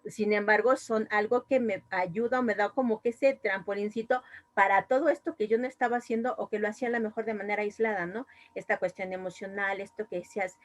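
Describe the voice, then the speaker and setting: A woman's voice: medium pitch, fairly even intonation, brisk. A woman with a Mexican accent, a speech therapist giving a long, rambling comment on an online panel, full of fillers and restarts. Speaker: speech therapist, audience participant. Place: video call.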